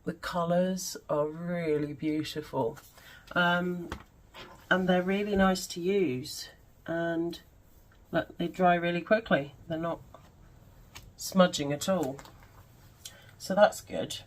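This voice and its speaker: A woman hosting a casual unboxing, talking with excited, breathy exclamations. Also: on the low side, slow, long pauses. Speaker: unboxing video host. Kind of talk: casual product unboxing commentary.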